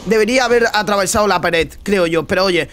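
High-voiced man commenting gameplay. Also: quick pace. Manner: chatty, slangy, bursts into loud teasing shouts. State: just woken up. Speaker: gaming streamer.

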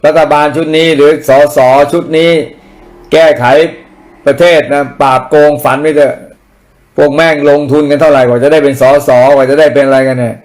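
A man's voice: fairly high pitch, fairly even intonation, fairly quick, a little mellow. A man giving blunt, profane political commentary in casual rant style, mocking and crude.

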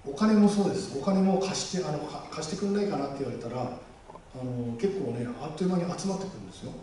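A man giving a lively public speech to a live audience in a large hall, joking and acting out the voices he quotes. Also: on the high side, fast talker, slight background noise. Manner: animated, jokey, acts out quoted voices. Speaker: guest speaker at a campaign rally. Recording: echoey hall, mic far off.

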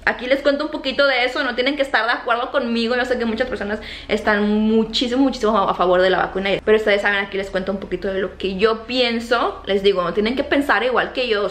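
A woman in her thirties from Mexico vlogs in her home kitchen, the camera close to her face, speaking with a Mexican Spanish accent softened toward neutral. Her voice is on the high side, and she chats animatedly with hand gestures, full of fillers and repeated words. The kitchen echoes, with a faint room hum.

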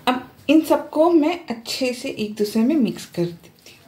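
Cooking host, woman, mellow fairly high voice, calm step-by-step delivery, faint kitchen noise behind. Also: a little slow. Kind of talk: home cooking tutorial voice-over. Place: home kitchen.

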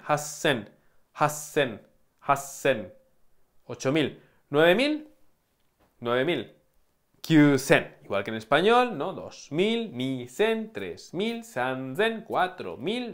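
Lively man drilling numbers slowly. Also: on the high side. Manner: lively, drawn-out slow drills with playful asides. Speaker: Japanese teacher. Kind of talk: online language lesson.

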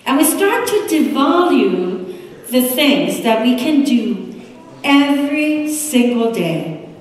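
A woman preacher with a Puerto Rican accent delivers a sermon in a high, lively voice that rises and falls. She speaks at an unhurried pace. The voice comes from a distance and echoes around a large sanctuary. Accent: Puerto Rican Spanish. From United States. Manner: expressive, gesturing at a pulpit. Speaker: pastor. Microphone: room mic from a distance.

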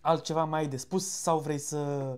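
A man's voice: fairly high pitch, flat delivery. A man hosting an interview, talking in a boastful, lecturing motivational way. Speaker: host.

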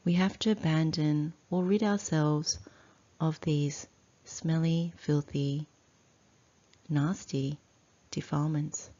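In a low, mellow voice, a woman guides a meditation, speaking very slowly and deliberately like a teacher with her students. She offers short phrases separated by long pauses, her intonation fairly even. The recording sounds slightly dull.

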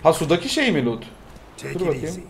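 Loud excitable young man streaming a game. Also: fairly high pitch, very fast, a little hiss or hum. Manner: loud excitable outbursts, shrieking yells. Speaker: gaming streamer. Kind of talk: casual let's-play commentary.

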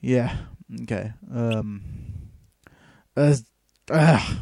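A man thinking aloud over his video game in a rambling let's play commentary, full of fillers and pauses. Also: medium pitch, vocal fry, a little mellow, no echo.

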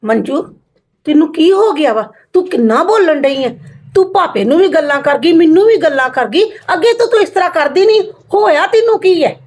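A woman's voice: high-pitched, expressive, moderate pace, darkish tone. A woman playing a scolding stern mother-in-law. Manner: scolding, demanding questions. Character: scolding middle-aged mother-in-law, stern household elder. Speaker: mother in a family skit.

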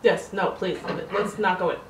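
A woman's voice: medium pitch, steady tone, moderate pace, roomy sound, far from the mic, noisy background. A woman giving casual gaming commentary, nervous and jokey and easily spooked. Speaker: gamer.

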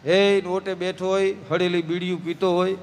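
A man's voice: sits high, little pitch movement, normal speed, smooth. A man telling humorous folk stories on a live stage, chatty and anecdotal, slipping into folk song. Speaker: folk storyteller and singer. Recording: live stage with long reverb and faint instruments.

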